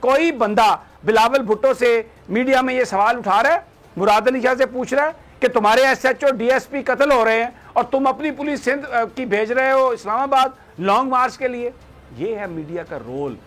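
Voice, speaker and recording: A man's voice: very high voice, a bit bright. A man giving heated political commentary as a guest analyst, slipping into English phrases. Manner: impassioned, switches into English phrases.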